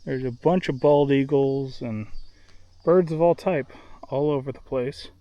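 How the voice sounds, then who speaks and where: A man's voice: mid-range voice, measured pace, no echo, dull audio. A young man talking casually about his river trip outdoors, easygoing and upbeat, with lots of fillers and restarts. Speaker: solo river traveler vlogging his trip. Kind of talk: casual travel vlog narration.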